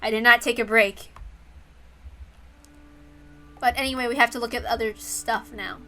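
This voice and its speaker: Over background music, a woman with a fairly high, steady voice reads a visual novel aloud on stream at a normal speed, her tone bright and forceful. Between passages she drops casual, chatty asides.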